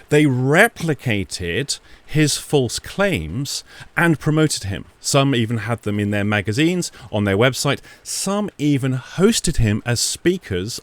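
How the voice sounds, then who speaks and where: A man's voice: mid-range voice, no room sound. Man talking in an attic, dry close sound. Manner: sardonic, with rhetorical questions and deliberate repetition. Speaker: video commentator exposing false claims. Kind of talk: informal opinion monologue to an online audience.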